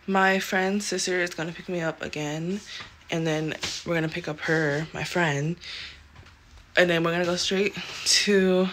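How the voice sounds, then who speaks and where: A woman's voice: on the low side, a little hiss or hum. A young woman talking casually to her phone as a vlogger, rambling and chatty, often saying "bro" and "oh my god.". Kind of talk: casual vlog narration. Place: indoors at home, sometimes stepping outside.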